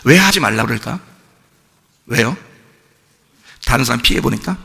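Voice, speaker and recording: A male pastor preaching in an animated, questioning way, his bright voice rough with gravel. He swings high and wide in pitch. His words ring out with a long echo through a church hall. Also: normal speed. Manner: animated, rhetorical questions to the congregation. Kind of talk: sermon.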